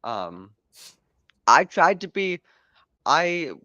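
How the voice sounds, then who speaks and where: A man hosts a casual livestream podcast, joking and rambling, often breaking off his own sentences. His voice is bright and pitched a little high. The sound is dry and slightly dull. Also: very animated, extremely slow, no echo. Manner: joking, rambling, self-interrupting. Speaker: podcast host and author.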